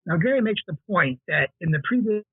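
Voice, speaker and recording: A man's voice: high voice, expressive, a little fast, creaky, breathy edge, dry recording. A man on a podcast panel, reading prepared remarks over a remote call that keeps breaking up and dropping out. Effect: choppy, breaking-up call audio with dropouts. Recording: tinny phone-like remote call line.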